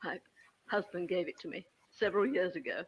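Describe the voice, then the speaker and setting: A woman's voice: on the low side, animated, fairly quick, dull audio. A woman playing an agitated, emphatic figure in a murder case in an old-time radio drama. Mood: defensive. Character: agitated women in a murder case, defensive suspect and witness.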